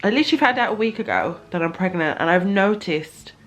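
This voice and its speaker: A woman's voice: mid-range voice, animated, fairly quick, a bit bright. Emotional chatty woman vlogging. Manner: chatty, emotional and candid, close to tears at times. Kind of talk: casual vlog to camera.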